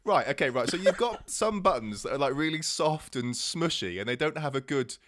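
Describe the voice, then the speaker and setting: A man's voice: a little high, animated, moderate pace, a bit bright. A man co-hosting a podcast, chatting casually about technology with many restarts and fillers. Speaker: podcast co-host. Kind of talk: casual tech chat. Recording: podcast mic.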